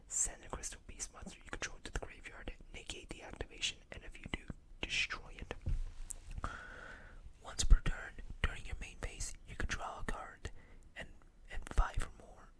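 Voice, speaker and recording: Whispering gently into a close microphone, a host takes an unhurried approach to reading card game text ASMR-style, sprinkling in small asides.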